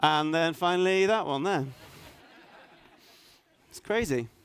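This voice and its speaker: A middle-aged man, raised in Norway, speaking at a conference, halting and self-deprecating, full of restarts and fillers. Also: on the high side, smooth. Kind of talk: hesitant conference talk. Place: conference hall stage.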